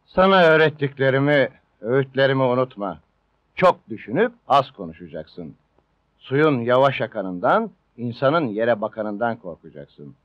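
An actor playing a calm, fatherly old prison elder who gives measured advice in a film drama. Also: mid-range voice, no room sound, natural voice. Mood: calm, commanding. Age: older. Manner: sententious, measured advice-giving. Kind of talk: Turkish film drama acting. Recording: dull old film soundtrack.

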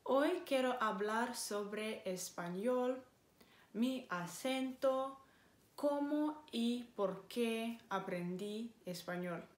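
A woman in her twenties from Moldova with a Moldovan accent and Romanian as her first language, talking casually to camera as a vlogger in a careful, deliberate way with small pauses. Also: fairly high pitch. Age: 20s. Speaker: vlogger and English teacher. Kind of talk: casual vlog talk to camera. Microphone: camera mic. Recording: echoey room.

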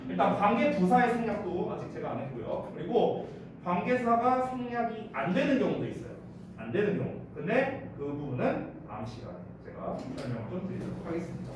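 A man's voice: sits high, very animated, crowd noise. A man teaching English grammar to a class, talking emphatically and checking often that students follow. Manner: emphatic, keeps checking students with quick questions. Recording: echoey room, mic far off, noisy.

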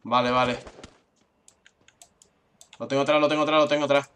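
Young male gaming YouTuber, bright tense tone, repeats words in frantic bursts. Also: medium pitch. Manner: excitable, swears, repeats words rapidly. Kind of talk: live gameplay commentary.

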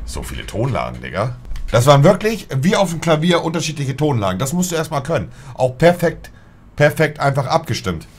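Slangy streamer shouting "Digga". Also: male voice, fairly high pitch, huge pitch swings, brisk, slight background noise. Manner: slangy, says "Digga" constantly, bursts into shouting at good pulls. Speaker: streamer opening FIFA packs. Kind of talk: casual live-stream commentary.

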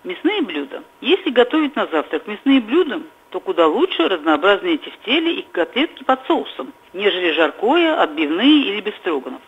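A woman's voice: medium pitch, moderate pace, hardly any pauses, slightly rough. A woman reading scripted cooking advice as a voice-over, in an advising manner. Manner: advising, lively delivery. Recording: dull lo-fi recording.

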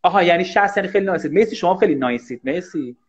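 Fast-talking male teacher on a dull livestream. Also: high voice. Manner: fast, animated, thanks commenters often. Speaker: English teacher. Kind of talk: live online class, casual teaching chat.

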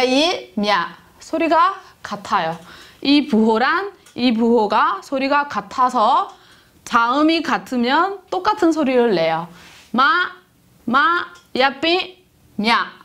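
A woman teaching a language lesson, repeating each syllable slowly for drilling. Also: high voice, fairly bright tone.

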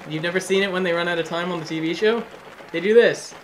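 A man's voice: high-pitched, fast talker, a little hiss or hum. A young man commenting on a game he plays, grumbling and swearing. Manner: grumbling, profane banter. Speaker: gamer playing a let's play. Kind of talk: casual gameplay commentary. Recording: game music behind the commentary.

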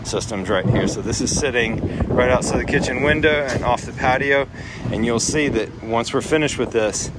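A man's voice: medium pitch, normal speed. A man giving a casual walkthrough of a backyard pond build, talking plainly and explaining as he goes. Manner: plain, explanatory, loose restarts. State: out of breath. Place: outdoor backyard construction site. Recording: outdoor recording with wind noise.

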